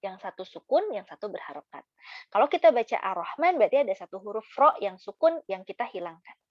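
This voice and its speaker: A woman giving a casual lesson on Quran recitation, chatting with many fillers and slowly demonstrating how words should be recited. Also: mid-range voice, big pitch swings, no room sound, lo-fi sound.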